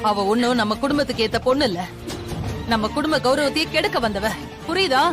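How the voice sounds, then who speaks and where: A woman's voice: sits high, lively intonation, fairly quick. Stern scolding mother-in-law. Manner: harsh, scolding, commanding. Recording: TV serial with loud music under it.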